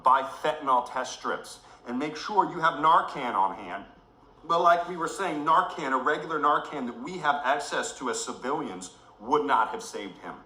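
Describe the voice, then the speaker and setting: On a livestream, a male host rants furiously, swearing heavily and sounding deeply emotional. His voice is medium-pitched with a sharp edge, and the audio is poor and full of reverb.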